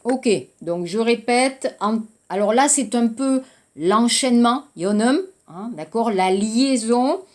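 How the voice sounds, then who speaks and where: Slow patient French teacher, woman. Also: a little high, a little mellow. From France. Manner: slow, patient, repeats phrases and drops in Korean words. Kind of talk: language class explanation.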